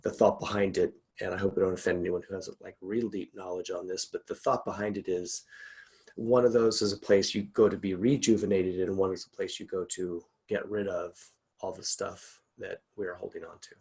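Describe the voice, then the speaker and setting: A man's voice: deep voice, level tone, a little fast, creaky, darkish tone, breathy edge. A man, a guest executive coach, chatting casually over a video call from his home, rambling and laughing often.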